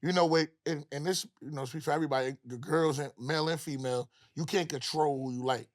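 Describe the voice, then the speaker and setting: A man chatting as a podcast guest, slangy and animated, often tagging lines with "you know what I'm saying". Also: on the high side, fast, no echo, clean studio sound. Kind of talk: casual chat.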